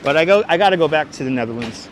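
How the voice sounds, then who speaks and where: A rapid-fire, expressive talker with a fairly high pitch and a thick Brooklyn accent hosts a livestream walking tour through busy Manhattan. He keeps the chat casual and comments on the street as he goes. Street noise is present throughout, with clear traffic, vehicles, and city ambience.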